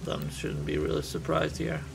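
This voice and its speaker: A man's voice: rumbling low, very animated, moderate pace, creaky, music in the background. A man from Israel, rambling through casual gameplay commentary as a streamer and thinking aloud.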